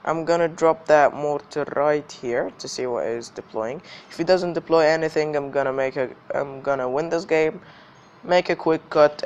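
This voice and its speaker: A man's voice: a little high, slight background noise. A man hosting a gaming video with casual gameplay commentary, his voice slightly affected by illness. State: slightly ill voice.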